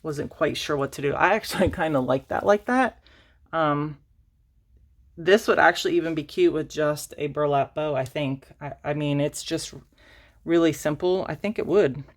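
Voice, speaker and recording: A crafting channel host with a low voice speaks at a moderate pace during an informal tutorial. Slightly winded, she meanders, pokes fun at herself, and frequently stops to begin again amid plenty of fillers.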